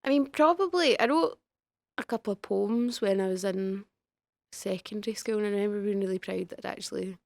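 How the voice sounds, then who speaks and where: A woman's voice: mid-range voice, fairly quick, vocal fry, no room sound. A young woman, a guest playwright, answering interview questions in a modest, hesitant way.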